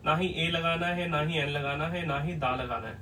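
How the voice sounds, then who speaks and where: A man's voice: fairly high pitch, moderate pace, bright, forceful tone, slight background noise. Man teaching at a whiteboard, slightly distant. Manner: explains step by step, asks "clear?" often. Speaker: English teacher. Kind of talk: whiteboard lesson.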